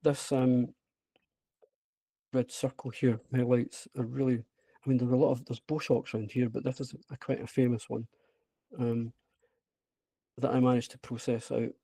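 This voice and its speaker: A man's voice: medium pitch, little pitch movement, moderate pace, gravelly, pauses often, dark tone, dry recording. A man with a broad Scottish accent giving an informal online presentation, hesitant and self-deprecating but enthusiastic. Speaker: presenter, app creator. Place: remote online video call with screen share.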